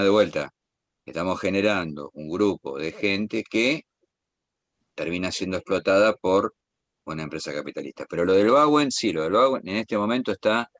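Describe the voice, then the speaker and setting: A man with an Argentine accent, a guest speaking with passion and rushing to say many things at once. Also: deep voice, fairly bright tone, dry recording. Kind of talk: impassioned talk.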